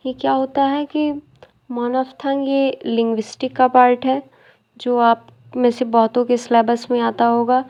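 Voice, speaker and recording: A woman's voice: a little high, level tone, a little slow, dark tone, lo-fi sound. A woman teaching a phonetics lesson, explaining step by step and asking questions as she goes.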